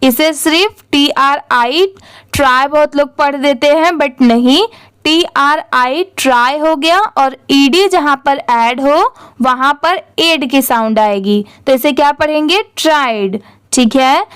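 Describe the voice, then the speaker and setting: High-voiced Indian woman teaching reading. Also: slow, a bit bright, dry recording. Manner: spells words letter by letter, then says them; asks and answers her own questions. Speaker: English teacher. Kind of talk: slow step-by-step reading lesson.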